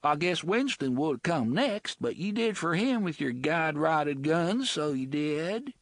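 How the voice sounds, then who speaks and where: A man voicing a bitter, ragged older woman who talks in a rough dialect, dogged and scornful. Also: on the high side, big pitch swings, measured pace, no room sound, voice pushed up, exaggerated voice. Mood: sullen.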